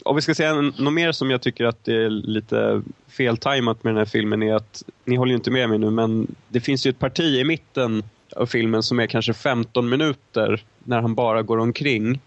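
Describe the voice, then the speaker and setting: A man's voice: on the low side, no echo, dull audio. A young man co-hosting a casual film review chat, talking in long, winding, hesitant turns. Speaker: film podcast co-host.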